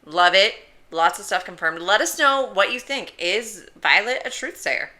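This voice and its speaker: Animated, bright-voiced woman podcaster. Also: mid-range voice. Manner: animated, excitable, quick jokes and rhetorical questions. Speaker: podcast co-host. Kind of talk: casual chat.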